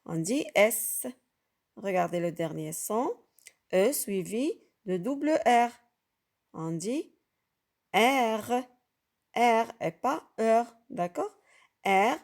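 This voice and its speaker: A woman's voice: on the high side, lively intonation, drawn-out words, pauses often. A woman teaching French pronunciation to beginners. She speaks patiently, repeats each sound, and keeps checking that her listeners follow. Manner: patient, repeats sounds and asks "d'accord?" often. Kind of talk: slow, carefully articulated lesson for beginners.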